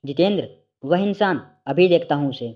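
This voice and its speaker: A man's voice: on the high side, lively intonation, normal speed, highs cut off, lightly acted. A man voicing a protective elderly male neighbor who speaks sternly and reassuringly, in a storybook reading. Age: older.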